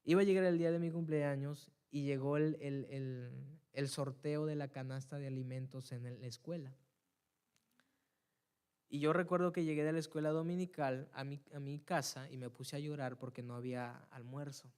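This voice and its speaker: A man preaching a church sermon, telling a personal story and building to loud, fervent appeals, often repeating words as he searches for them. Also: fairly high pitch, steady tone, moderate pace, clean tone. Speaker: preacher giving testimony. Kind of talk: Spanish-language church sermon.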